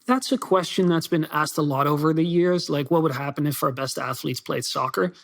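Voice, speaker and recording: Male author guest, raised in Belgium, rapid chatty answers, a bit higher pitch. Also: creaky. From Netherlands and Belgium. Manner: fast, chatty, with many fillers and restarts. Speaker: soccer writer and author. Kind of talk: podcast interview.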